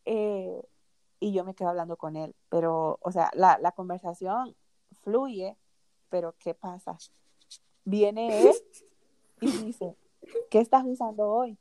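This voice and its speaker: A woman's voice: mid-range voice, takes it slowly, long pauses, dry recording. Young woman telling a story with laughs. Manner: animated, laughs often while telling the story. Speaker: podcast host. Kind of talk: casual storytelling.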